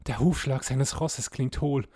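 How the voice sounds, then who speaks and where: A man's voice: unhurried, breathy edge. A man doing a frightened young squire. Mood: fearful urgent. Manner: anxious, pleading, rising high.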